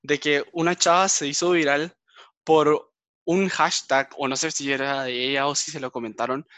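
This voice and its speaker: Bright-voiced podcast host. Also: male voice, on the high side, fairly even intonation, moderate pace, dry recording. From Guatemala. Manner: asks questions, chatty. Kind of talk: casual chat.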